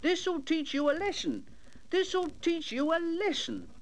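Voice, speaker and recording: A man's voice: very high voice, very animated, unhurried, pitched above the performer's own voice, heavily acted. A man voicing an eager, plucky little male tank engine in a storybook, urgent and emphatic. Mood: scolding. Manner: urgent, emphatic, repeating phrases. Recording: noisy old storybook LP.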